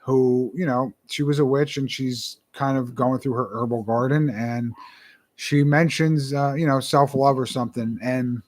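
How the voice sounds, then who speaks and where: A man's voice: medium pitch, fairly even intonation, unhurried. Rambling earnest young man vlogging. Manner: rambling, repeats words, earnest. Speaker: self-published author. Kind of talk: casual talking-to-camera vlog.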